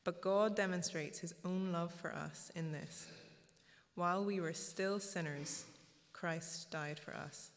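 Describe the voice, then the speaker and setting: A person reading Bible scripture aloud in an echoey church hall. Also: medium pitch. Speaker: scripture reader. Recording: echoey hall with long reverb.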